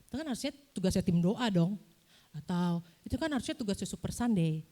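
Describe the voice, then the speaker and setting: A young woman giving a casual, lively sermon in a church, often asking the congregation questions. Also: medium pitch, brisk. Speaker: preacher.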